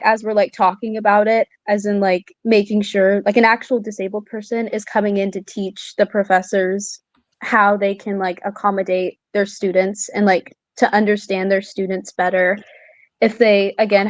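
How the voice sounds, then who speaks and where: Casting note: young woman student, mid pitch, halting and filler-heavy, dry close recording. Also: flat delivery, no room sound. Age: young adult. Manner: hesitant, many "like" and "um" fillers. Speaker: guest student. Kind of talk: casual interview chat.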